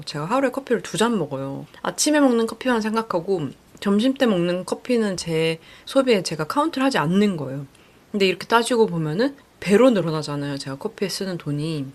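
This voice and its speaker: A young woman hosting a casual podcast, chatting reflectively about a book she read and often acting out her own thoughts in lively voices. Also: fairly low pitch. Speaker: podcast host.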